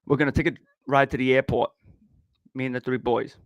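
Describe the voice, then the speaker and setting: A man's voice: medium pitch, little pitch movement, fairly quick, dry recording. A man telling a personal story in casual chat, swearing constantly and laughing between sentences. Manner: profane, rambling, laughs often. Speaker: podcast host.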